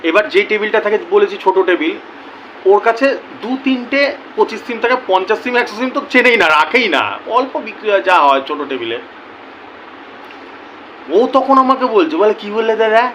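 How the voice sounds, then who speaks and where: A young man telling viewers a story in a casual, animated way, acting out both sides of a conversation. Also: high-pitched, normal speed, pauses often, a little hiss or hum, poor audio. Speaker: lottery tips YouTuber.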